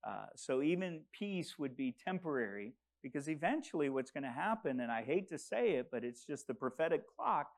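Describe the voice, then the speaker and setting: A man's voice: on the high side, sing-song, normal speed, few pauses. A man who grew up in Congo preaching a sermon, earnest and rising to urgent emphasis. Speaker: pastor.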